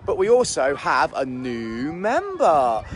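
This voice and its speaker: An upbeat man hosting a live stream in the open air, chatting energetically and greeting viewers by name. His voice sits a little high for a man and comes through a phone mic, with faint background noise from outside. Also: wildly swooping pitch, takes it slowly. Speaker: holiday park entertainer and live stream host. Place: outdoors at a busy holiday park.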